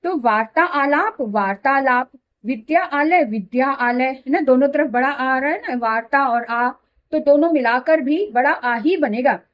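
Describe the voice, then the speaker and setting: Woman, high voice, middle-aged, grammar teacher, patient, repeats examples, checks understanding. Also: unhurried, highs cut off. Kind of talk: classroom explanation.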